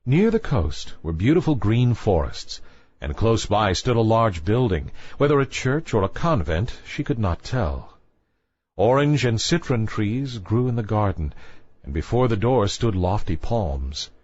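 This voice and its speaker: A storyteller with a fairly low voice narrates a children's fairy tale, his pitch rising and falling in a very animated way at a slightly slow pace. The recording is very dry with no room sound, slightly muffled and lo-fi dull.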